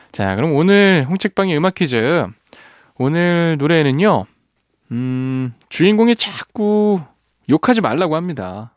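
A male radio host runs a music quiz from the studio, joking his way through listener texts. His pitch swings widely and sits a little high. The sound is close and dry. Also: no room sound. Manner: playful, laughs often, strains voice singing a line.

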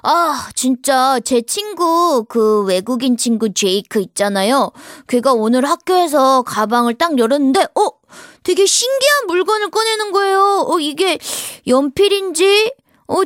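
A woman voices a bright, curious schoolkid with a high, chirpy voice, chatting eagerly with the listeners like a character in a children's lesson. The sound is dry and close, with no room behind it. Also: no echo. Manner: chatty storytelling, lively questions to listeners. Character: cheerful curious schoolkid puzzled by English.

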